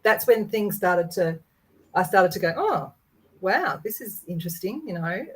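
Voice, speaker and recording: A woman's voice: lowish voice, a little slow, husky, low-quality recording. Chatty woman telling a story. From Hungarian and Yugoslav background. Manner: animated, storytelling with many restarts. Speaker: guest. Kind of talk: casual chat.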